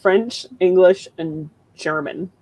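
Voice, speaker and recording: Woman, co-host, casual chat, storytelling, laughs often, lower pitch. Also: slow pace, darkish tone. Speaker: co-host of a live writing stream.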